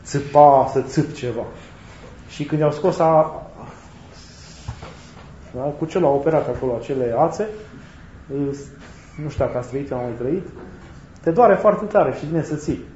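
A man preaching a sermon in a reflective way, often repeating and rephrasing his points, with touches of gentle humor. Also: on the high side, long pauses, slight background noise. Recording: roomy, slightly dull recording with faint ambience.

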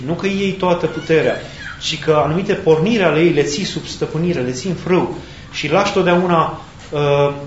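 A man preaching a sermon in a thoughtful way, pausing and searching for words as he goes. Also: on the high side. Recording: echoey, dull sound with faint background hiss.

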